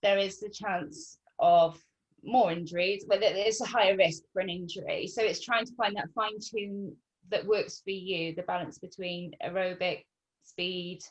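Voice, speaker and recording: A woman's voice: mid-range voice, steady tone, moderate pace, lo-fi sound. A woman hosting a casual interview, asking questions in a supportive, attentive, conversational way. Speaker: interviewer, podcast host.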